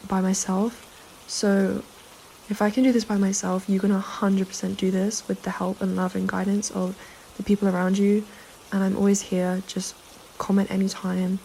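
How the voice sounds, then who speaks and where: A mid-range, creaky voice with a warm tone comes from a young woman vlogger who's feeling slightly ill as she gives earnest, reassuring advice to camera, filling gaps often. The low-quality recording has a little hiss or hum.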